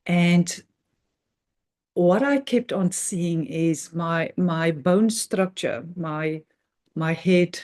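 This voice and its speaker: A woman whose voice sits on the low side, slightly mellow, hosts a guided meditation. Her unscripted spiritual talk comes across as earnest and reverent, spoken in short, halting phrases with measured pauses.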